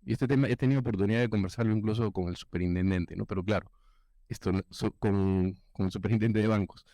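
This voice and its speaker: Man, low warm voice, dry sound, measured panel speaker. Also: steady tone, no echo. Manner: measured, explanatory, frequent fillers. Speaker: panel participant. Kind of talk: panel discussion remarks. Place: event room.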